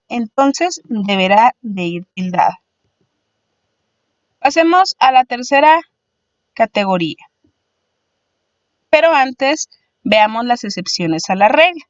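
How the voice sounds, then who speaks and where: A woman's voice: sits high, lively intonation, slow pace, pauses often, no echo, dull audio. A woman teacher explaining spelling rules patiently, step by step, like a voice-over lesson.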